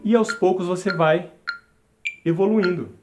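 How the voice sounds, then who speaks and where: A man's voice: high voice, a little slow, over loud music. Man teaching rhythm over a metronome. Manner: counts beats aloud and chants syllables to a metronome. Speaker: music teacher. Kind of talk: instructional video lesson.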